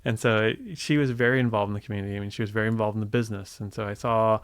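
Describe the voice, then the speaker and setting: Relaxed, reflective man from Indiana. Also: lowish voice, rapid-fire, smooth, no echo. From Indiana, USA. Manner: relaxed, reflective, many restarts. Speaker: guest, tech company co-founder. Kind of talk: conversational interview.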